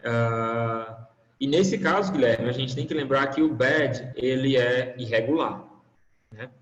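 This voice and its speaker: A man's voice: mid-range voice, slow pace. A male English teacher walks students through grammar patiently, often checking they follow. His voice sits in a roomy space with a long reverb tail. The call audio is dull and lo-fi. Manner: patient, explaining with frequent check-ins like "né?" and "tá?". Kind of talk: online class explanation.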